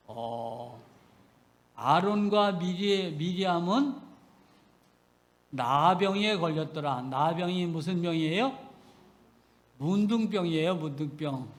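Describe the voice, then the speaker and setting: High-voiced emphatic male pastor preaching. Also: lively intonation, takes it slowly, long pauses. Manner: emphatic, swings between loud rebukes and soft asides. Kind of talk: sermon.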